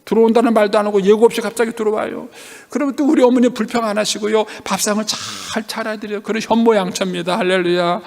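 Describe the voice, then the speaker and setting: A man's voice: high voice, steady tone, fast, gravelly, hardly any pauses, a little mellow. A middle-aged man preaching a sermon as a pastor, telling a personal story and asking the congregation questions. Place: church sanctuary. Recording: long hall reverb.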